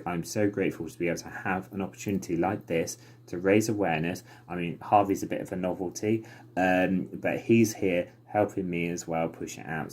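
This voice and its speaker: A man with a low-pitched voice speaks informally to camera. He sounds earnest and slightly hesitant, as in a personal video message. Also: a little mellow. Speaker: podcaster and awareness campaigner.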